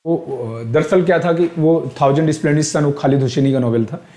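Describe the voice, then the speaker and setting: A man's voice: a little high, brisk, warm tone, echoey room. A male teacher with an Indian accent giving an exam-prep lecture. He explains step by step, asks questions aloud and works English terms into his talk.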